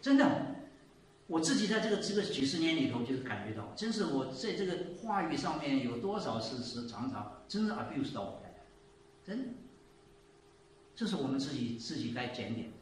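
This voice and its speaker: An elderly man in his seventies preaches in a church hall, telling a story in a lively voice that leaps from quiet asides to loud exclaims. His voice sits a little high for a man. It sounds far from the mic, with a strong echo and faint noise around him. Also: a little fast. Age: 70s. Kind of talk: sermon. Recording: echoey room, voice from off the mic.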